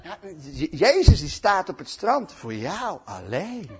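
Man voicing a cheerful young disciple in a sermon story, lively, coaxing, high. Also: a little slow, husky, heavily acted. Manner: teasing, sing-song calling.

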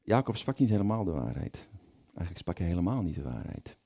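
A man's voice: deep voice, sing-song, quick pace, vocal fry, mellow. A man giving a conversational sermon, informal and thinking aloud, often repeating words as he goes. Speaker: preacher.

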